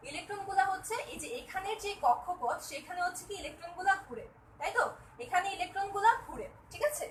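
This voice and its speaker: A woman's voice: very high-pitched, animated, quick pace, a little hiss or hum. Young woman teaching chem in an echoey room, sounds a bit far off from the mic, keeps checking if everyone gets it. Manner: repeats herself, checks often if students follow. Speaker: chemistry teacher. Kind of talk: live online class.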